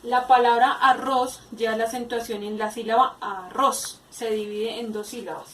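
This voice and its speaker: A woman giving a spoken grammar lesson, explaining slowly with many hesitations and repeated words. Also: on the high side, steady tone, a little hiss or hum. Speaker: teacher. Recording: echoey room, far from mic.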